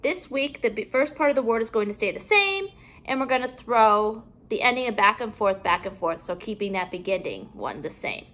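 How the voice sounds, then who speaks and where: A woman teaching a phonics lesson to young children from home, saying each word slowly and with careful, stretched-out enunciation. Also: fairly high pitch, sing-song, fairly bright tone.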